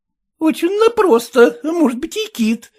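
A woman's voice: high-pitched, big pitch swings, unhurried, a little mellow. A man reading a story aloud, voicing a put-upon kitchen cook woman with a whining, tearful manner. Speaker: character in a read story.

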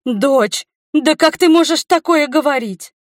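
A woman voicing a haughty scheming noble mother who feigns innocence, in a high, loud voice. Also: animated, a little slow, no room sound, studio quality. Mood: haughty indignant.

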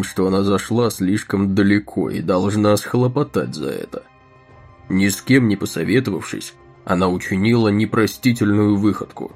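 An actor voices a smug, scheming railroad executive, a man who speaks in a crisp, self-assured monotone. His voice sits on the low side.

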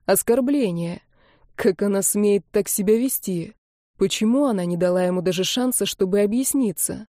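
A woman narrating a romance novel in a calm, even reading on a close mic. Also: mid-range voice, no room sound. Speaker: audiobook narrator. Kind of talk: storybook narration.

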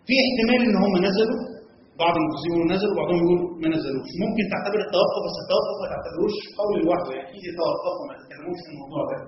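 A man's voice: high-pitched, expressive, rapid-fire, slight background noise. A man with an Egyptian Arabic accent teaching a classroom lesson, constantly quizzing his students and checking they follow. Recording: echoey hall, dull lo-fi sound.

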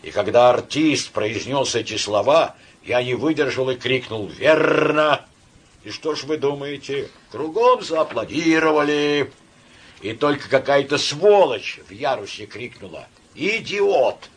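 Man doing a drunk shouting officer. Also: mid-range voice, animated, unhurried, breathy edge, pitched above the performer's own voice. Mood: drunken shouting. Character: drunk young officer, loud and slurring.

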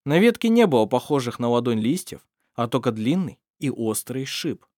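A man's voice: mid-range voice, big pitch swings, moderate pace, mellow, no echo. Man narrating an audiobook, dry sound. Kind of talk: scripted narration.

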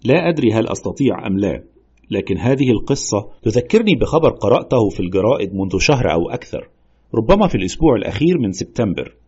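A man playing a shrewd doctor who hears out a haunting case and reasons through it in a measured way, in an audio horror drama. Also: on the low side, big pitch swings, dark tone, slightly rough, muffled recording. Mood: analytical. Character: calm, shrewd male doctor investigating a haunting. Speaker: doctor listening to a patient's story.

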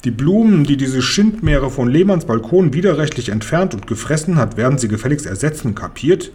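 A man voicing a small, fat landlord who shouts indignantly in a storybook reading. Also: medium pitch, expressive, a little fast, lightly acted. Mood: furious.

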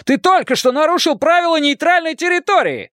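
A man voicing a frantic young male gunslinger who shouts in alarm. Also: very high-pitched, expressive, a little fast, no room sound, clean studio sound, voice pushed up, exaggerated voice. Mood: frantic shouting. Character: agitated young male gunslinger, loyal friend.

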